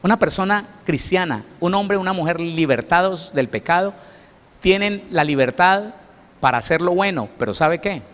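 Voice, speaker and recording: A man's voice: high voice, animated, normal speed, fairly bright tone, in a large hall. A man preaching a sermon as pastor, emphatic and full of questions to the congregation.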